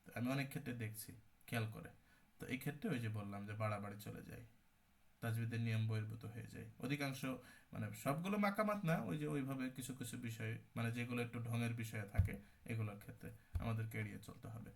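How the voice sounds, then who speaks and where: A young man with a gravelly, mid-pitched voice leads an online recitation lesson. He explains each term patiently, checks in with questions to his class, and coughs now and then. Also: fast. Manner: explanatory, repeats terms and asks the class questions. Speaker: Quran recitation teacher. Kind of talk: online tajweed class lecture.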